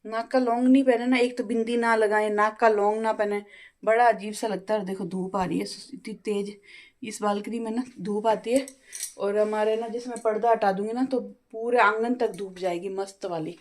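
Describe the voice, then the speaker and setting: A middle-aged woman vlogger chatting at home, talkative and quick with her words. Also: medium pitch, steady tone, darkish tone. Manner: talkative, fast-talking. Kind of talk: casual home vlog chat. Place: home, balcony and kitchen.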